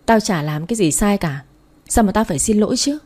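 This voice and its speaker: A woman's voice: medium pitch, animated, brisk, darkish tone, natural voice. Woman doing a rude young taxi driver. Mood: insulting. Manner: insulting, threatening, crude.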